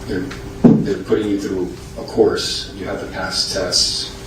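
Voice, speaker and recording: An American man giving courtroom testimony as an expert witness, answering formally and politely in a measured, hesitant way. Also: low voice, flat delivery. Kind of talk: courtroom testimony under questioning. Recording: echoey, distant, noisy courtroom audio.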